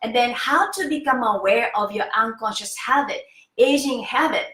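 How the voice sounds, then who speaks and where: A woman in her fifties leads an interactive online face yoga lesson in a slightly high voice. She is lively, eager, and chatty, frequently stopping to ask the viewer "okay?", and the room has a noticeable echo.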